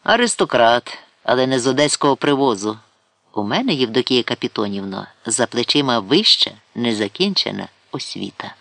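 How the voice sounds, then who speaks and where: A man's voice: medium pitch, big pitch swings, normal speed, creaky, fairly bright tone, no echo. A man voicing a witty, haughty young idler who fancies himself an aristocrat, speaking with ironic self-importance. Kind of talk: audiobook character voice.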